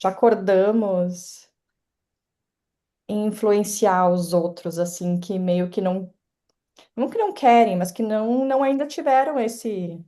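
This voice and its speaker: Hesitant woman with a mellow voice. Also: medium pitch, a little slow. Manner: hesitant, restarts her words. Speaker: class participant. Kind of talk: asking a question in class.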